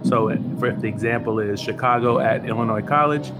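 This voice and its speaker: A man's voice: medium pitch, brisk, over loud music. A man from Massachusetts co-hosting a casual sports podcast, playful and joking as he runs a quiz. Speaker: podcast co-host.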